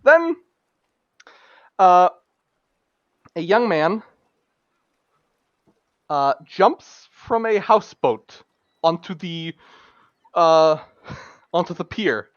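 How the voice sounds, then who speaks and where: A man's voice: high voice, sing-song, extremely slow, pauses often, dry recording. A man narrating a tabletop game as game master, rambling and hesitant with many fillers, on a dull lo-fi mic.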